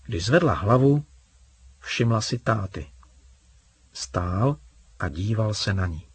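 Male storyteller, measured and even, slightly husky, dry close recording. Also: lowish voice, no echo. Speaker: narrator. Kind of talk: reading a children's story aloud.

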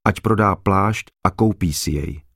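A calm, solemn Jesus, as a male Bible reader gives him voice, speaking in measured, unhurried phrases. The voice sits very low and deep. The sound is dry and close, with no room around it. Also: no room sound. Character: Jesus, a calm grown man teaching.

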